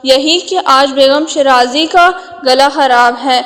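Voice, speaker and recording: A woman's voice: high-pitched, fairly bright tone. A woman reading as Farooq, a teasing young man. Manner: playful, joking. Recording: long hall reverb.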